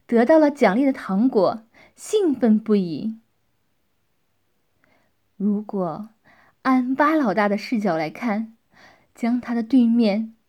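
A woman narrating a story, often dropping into soft, half-whispered passages. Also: a little high.

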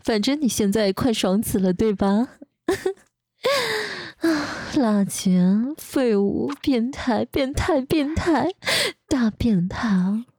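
A woman playing a cruel, commanding young woman in a breathy ASMR role-play, sneering and taunting her listener. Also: mid-range voice, fairly quick, mellow, no room sound, close to an everyday voice. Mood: contemptuous.

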